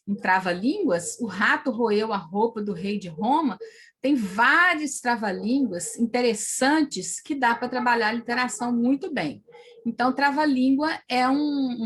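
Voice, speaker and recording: A woman's voice: on the high side, fairly bright tone, slightly rough. A woman with a Brazilian Portuguese accent explaining early literacy methods to teachers, checking in often with tag questions. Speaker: teacher trainer.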